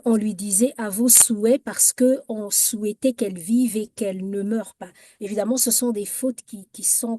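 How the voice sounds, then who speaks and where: A woman with a mellow, slightly high voice gives an informal workshop talk on etiquette, contrasting wrong phrases with correct ones. She sounds hesitant, with many fillers and restarts.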